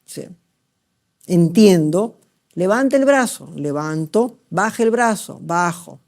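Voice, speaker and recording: A man's voice: sits high, expressive, takes it slowly, a little mellow. A man giving a medical exam review lecture, explaining step by step and checking in with rhetorical questions. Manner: explanatory, asks rhetorical checks, acts out patients.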